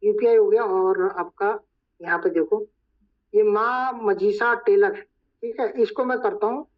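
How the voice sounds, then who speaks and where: A hoarse man acting as trainer, talking viewers through a screen-share tutorial step by step. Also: sits high, fairly even intonation, a little slow. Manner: talks viewers through each step, repeating "look". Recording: dull lo-fi recording.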